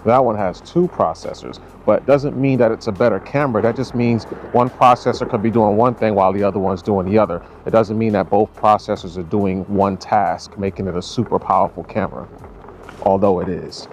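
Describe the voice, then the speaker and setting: A man's voice: on the low side, fairly quick, darkish tone. A man, a truck driver, talking casually and with slang to the camera outdoors at night. A clip mic under his clothing makes his voice jittery and warbly from noise reduction. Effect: jittery, warbling noise-reduction processing on the voice. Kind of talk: casual vlog talk to camera. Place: outdoors at night in an urban area, riding along. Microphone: wireless clip mic under two layers of clothing. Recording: noisy outdoor street sound.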